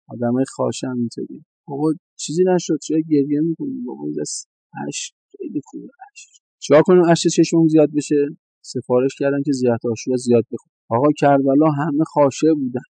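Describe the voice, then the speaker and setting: A middle-aged male cleric delivers a sermon, often repeating phrases for emphasis and slipping into Arabic quotations. His voice is dark and mellow at a middle pitch. The sound is dry and close, with no room echo.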